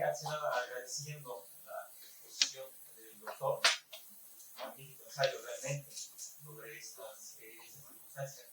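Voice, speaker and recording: A man with a Mexican accent giving a formal, measured comment from the audience at a conference. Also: medium pitch. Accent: Mexican Spanish. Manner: formal, measured academic reasoning. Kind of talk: conference question-and-answer comment. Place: conference hall. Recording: very echoey hall, voice far from the mic, faint room noise.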